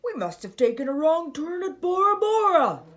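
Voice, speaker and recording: A woman reading a storybook and voicing a hearty male pirate captain who bellows in drawn-out pirate talk. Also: extremely high pitch, very animated, a bit bright, voice pushed up, full character voice. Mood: hearty, bellowing.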